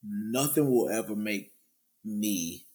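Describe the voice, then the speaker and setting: A man's voice: on the low side, slow pace. A young man from Georgia, co-hosting a podcast in casual, profane, joking banter. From Georgia, US South. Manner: animated, profane, joking boasts. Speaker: podcast co-host.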